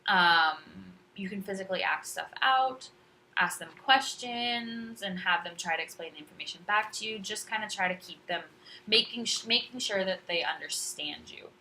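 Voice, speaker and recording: A woman's voice: medium pitch, normal speed, sharp tone, slight background noise, poor audio. A woman teacher giving a casual instructional talk, walking through classroom tips in a chatty, conversational way.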